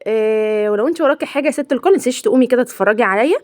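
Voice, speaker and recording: Fast-talking Egyptian housewife vlogger. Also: female voice, on the high side, a little mellow, no echo, clean studio sound. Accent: Egyptian Arabic. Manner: chatty and playful, laughs often. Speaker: home vlogger. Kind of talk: chatty home vlog voice-over.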